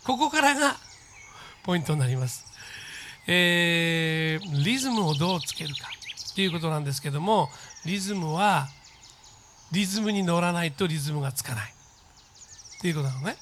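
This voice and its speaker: A man's voice: on the high side, expressive, fairly bright tone, slight background noise. Patient man teaching English. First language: Japanese. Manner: slow, deliberate model sentences for repeating; patient explaining, checks in with the listener. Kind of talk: spoken English lesson with repeat drills.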